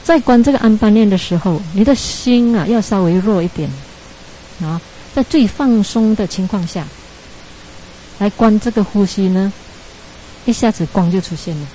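A woman's voice: medium pitch, moderate pace, pauses often, dark tone, a little hiss or hum, rough recording. A woman giving a Buddhist dharma talk as a meditation teacher, telling a story in a chatty way, ending phrases with tag particles and laughing at her own slips.

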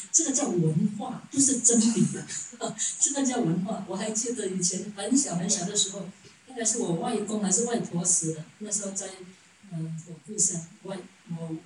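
A woman's voice: medium pitch, warm tone, slight background noise. A woman giving a Buddhist sermon as a story, chuckling often and asking rhetorical questions. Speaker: Buddhist dharma teacher. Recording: echoey room, distant mic.

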